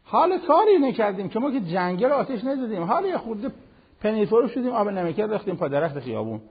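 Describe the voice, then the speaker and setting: Husky older man teaching in a hall. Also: high voice, dull audio. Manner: animated, conversational preaching with everyday examples. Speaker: Quran teacher. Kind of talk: televised religious lesson.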